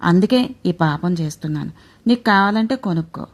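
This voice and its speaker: A woman's voice: lowish voice, animated, fairly quick. A woman doing a despairing righteous king. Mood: anguished. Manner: anguished, self-reproaching.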